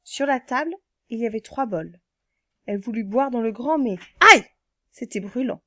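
A woman reading a children's story aloud in an expressive way, adding playful sound words. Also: on the high side, normal speed, no echo.

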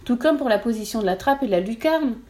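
A woman reading a children's story aloud in a lively storytelling voice. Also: fast talker. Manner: lively, voices the characters' lines with raised pitch.

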